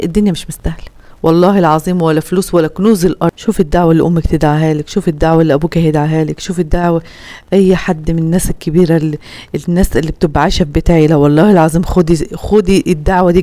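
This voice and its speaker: A woman's voice: lowish voice, mellow, no room sound. A woman from Upper Egypt with an Upper Egyptian Arabic accent, chatting earnestly with viewers as a home vlogger and giving heartfelt advice full of pious phrases.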